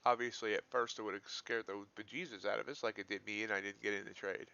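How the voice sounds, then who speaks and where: A live-streaming futures trader hosts his stream with casual, folksy thinking aloud. His fairly low voice is fast and steady in tone, with vocal fry and a pushed, bright quality. The audio is dull and lo-fi.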